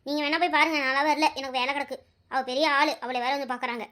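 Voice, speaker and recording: Woman doing a haughty cartoon neighbour, very high, fast, dismissive. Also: fairly even intonation, bright, forceful tone. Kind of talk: cartoon voice acting.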